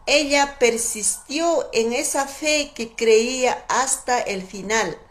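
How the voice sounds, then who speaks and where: Woman preacher, fairly high pitch, slow fervent sermon delivery, emphatic repetition.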